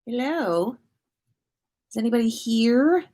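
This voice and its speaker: An American woman livestreams a casual podcast from her own room, her fairly high voice warm, slow, and lively in intonation. She rambles informally and playfully with sing-song asides, though she sounds tired.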